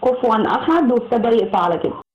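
A woman student speaking on an online voice chat, reciting slowly and carefully. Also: fairly high pitch, animated. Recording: dull lo-fi line, echoey.

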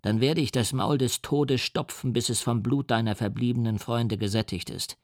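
A man voicing a huge, wretched male creature who speaks in a grave, measured and threatening way. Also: mid-range voice, fairly even intonation, dry recording, studio quality, natural voice. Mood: bitter, threatening.

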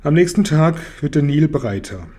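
A man calmly reading a children's book aloud. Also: a little high, normal speed. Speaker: reader.

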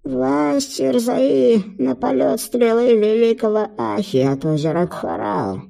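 Squeaky gravelly root-creature messenger, sly, slow and drawn out, storybook. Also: male voice, animated, mellow, heavily acted. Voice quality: squeaky, creaking. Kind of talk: audiobook character voice.

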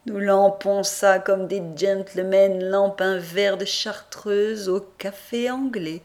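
Slow, measured woman reading aloud. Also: mid-range voice. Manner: slow, measured first-person reading with lively voiced quotes. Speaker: audiobook reader. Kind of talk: scripted narration.

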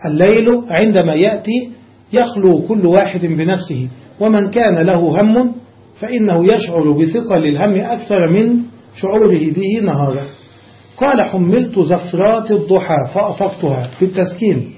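A man with a high voice leads a classroom grammar lesson. He keeps asking his students rhetorical questions and drills word forms one after another. The recording is dull and lo-fi. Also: animated, normal speed. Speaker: sheikh teaching Arabic grammar.

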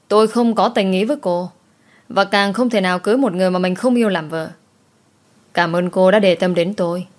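A woman voicing a calm, defiant young man who speaks firmly without flinching. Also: fairly low pitch, close to an everyday voice. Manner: calm, firm, unflustered.

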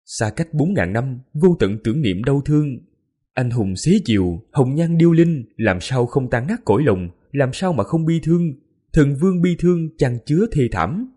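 Male audiobook narrator, dramatic and mournful, husky voice with a lively pitch. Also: normal speed. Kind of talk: scripted narration.

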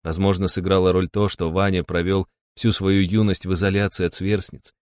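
A man's voice: low-pitched, flat delivery, normal speed, a little mellow, clean tone, dry recording, studio quality. A man narrating a humorous novel as an audiobook in a wry, ironic tone. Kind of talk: audiobook reading.

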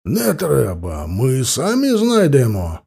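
Male reader as Cossack sergeant, Ukrainian accent, folksy, warm-dark. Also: mid-range voice, wildly swooping pitch, slow, creaky, slightly rough, heavily acted. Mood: hearty. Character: Cossack sergeant, older man, hearty and obliging.

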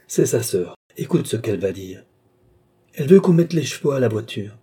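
A man voicing a young woman under a trance who tenderly and slowly describes her visions in a storybook reading. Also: mid-range voice, sing-song, warm tone, slightly rough. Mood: dreamy entranced. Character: young woman, entranced clairvoyant, tender and devoted.

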